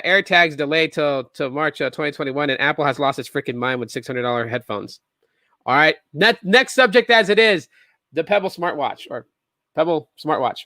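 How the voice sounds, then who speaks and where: On his solo tech podcast, a man in his thirties sounds a little high, bright and forceful, with no echo. His delivery is casual and rambling, full of sarcastic asides and frequent restarts.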